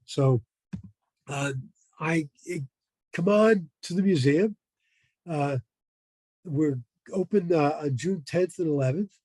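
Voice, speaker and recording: Halting, husky-voiced man giving a museum talk. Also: fairly high pitch, a little mellow, dry recording. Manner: halting, explanatory. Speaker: museum presenter. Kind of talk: informal educational talk for a virtual museum event.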